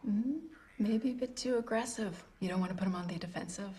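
An actress playing an officer who comments matter-of-factly on an interrogation from the side. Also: female voice, mid-range voice, brisk, warm tone, lightly acted. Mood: wry.

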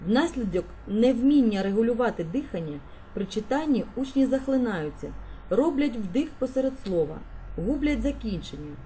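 A woman primary school teacher speaking calmly and precisely, explaining her methods and guiding a class through reading drills. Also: a little high, moderate pace, slight background noise, poor audio. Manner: calm, precise, instructive.

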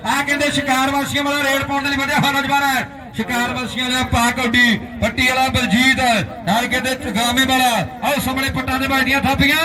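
A man's voice: extremely high pitch, little pitch movement, fast. A man declaiming frantic rural sports commentary on kabaddi in stock phrases and folk rhymes. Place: outdoor village sports ground. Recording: echoey outdoor PA, distant, crowd noise.

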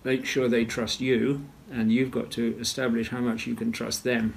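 An older man recalls events at a measured storytelling pace in an interview, often clearing his throat. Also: mid-range voice, level tone, slight background noise. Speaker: retired naval officer interviewee. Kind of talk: interview recollection.

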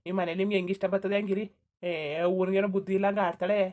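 A woman voicing a calm, reasonable young village woman in a cartoon, soothing and reasoning with a rural Karnataka Kannada accent. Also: mid-range voice, fast, natural voice. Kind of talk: cartoon voice acting.

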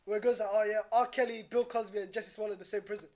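Young guy, podcast co-host, rapid slangy banter, repeats lines. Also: high-pitched. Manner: animated, repeats himself, slangy. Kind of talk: casual chat.

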